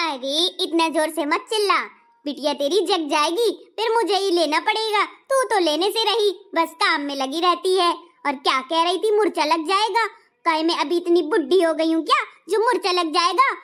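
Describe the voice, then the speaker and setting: A woman's voice: very high-pitched, normal speed, a bit bright. A woman playing a fussy, scolding mother-in-law who sighs in exasperation in a comic skit. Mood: defensive.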